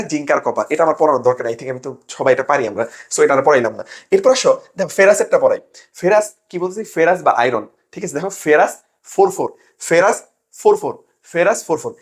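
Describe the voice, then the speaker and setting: A young man teaching an exam-prep lesson, emphatic and quick to check that students follow. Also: a little high, expressive. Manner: rapid, emphatic, keeps asking "ঠিক আছে?". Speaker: admission test tutor.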